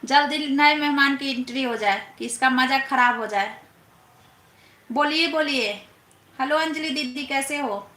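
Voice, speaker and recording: A woman's voice: high voice, pushed and bright. A young woman hosting a casual live stream, teasing viewers and reading their comments aloud. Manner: teasing, playful, drawn-out questioning. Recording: echoey room, faint background noise.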